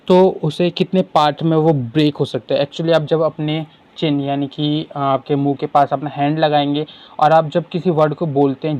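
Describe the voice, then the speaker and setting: A man's voice: a little high, darkish tone. Hindi-speaking tutor man, quizzing style. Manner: asks and answers his own questions; reads English questions slowly. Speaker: exam tutor. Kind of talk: explaining exam questions in Hindi with English terms.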